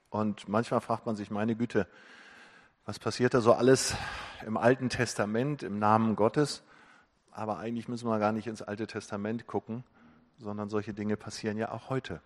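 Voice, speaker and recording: A man's voice: on the low side, steady tone, normal speed. A man preaching a sermon in an earnest, reflective way. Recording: long reverb of a hall.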